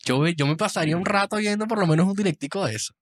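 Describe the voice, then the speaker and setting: A young man with a Venezuelan accent chats casually on a podcast, his voice sitting a bit high. He tells stories animatedly, acting out quotes and laughing often. The sound is dry and close. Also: racing, no echo. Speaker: podcast co-host. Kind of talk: casual chat.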